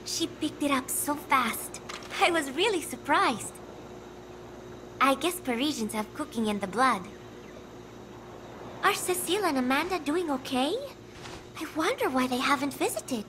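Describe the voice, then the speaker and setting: Tired sweet teen girl in a game, high voice going all over, noisy audio. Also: expressive, a little slow, long pauses. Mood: fond. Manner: soft, wistful, drifting. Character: frail gentle teenage girl, tired and sweet. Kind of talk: video game cutscene acting.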